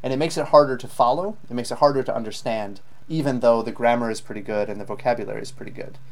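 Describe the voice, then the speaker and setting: A man's voice: medium pitch, quick pace. A man teaching a live online IELTS lesson, patiently giving spoken feedback with frequent ums.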